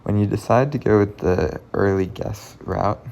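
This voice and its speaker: This puzzle-channel host has a fairly low, unhurried, creaky voice with a darkish tone. Solving puzzles with casual commentary, he thinks aloud, muttering and half-whispering while he works through them.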